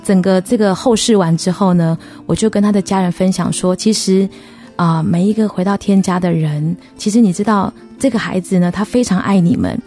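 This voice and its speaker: A woman, a funeral director, telling her experiences in a radio interview in an earnest, emotional way with many pauses and fillers. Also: medium pitch, dark tone, faint music behind. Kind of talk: personal storytelling in a radio interview.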